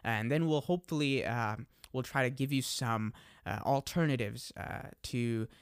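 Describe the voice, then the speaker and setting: A man's voice: medium pitch, moderate pace, clear, resonant tone, no room sound, studio quality. A young adult man hosting a casual podcast. He talks in an easygoing way, laughs at himself and uses lots of fillers. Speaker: podcast host. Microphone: desk microphone.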